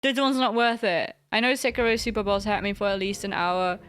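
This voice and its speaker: A woman's voice: medium pitch, steady tone, fairly quick, fairly bright tone, clear, resonant tone. A young woman streaming a video game, chatting casually with her viewers and joking about her own failures. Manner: chatty, talks to chat and replies to their messages; frustrated, self-mocking banter. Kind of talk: casual live-stream chat while gaming.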